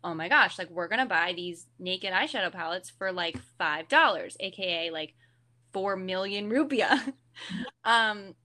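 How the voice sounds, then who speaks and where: A young woman guest on a podcast, telling an animated anecdote in casual chat and saying "like" a lot. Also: medium pitch, a little slow. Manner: animated storyteller, lots of "like".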